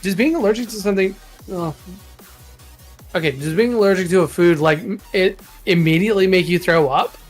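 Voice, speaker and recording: A man's voice: sits high, fairly quick, soft background music. A man co-hosting a casual chat, reacting with frequent laughs and stammering restarts. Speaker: podcast co-host.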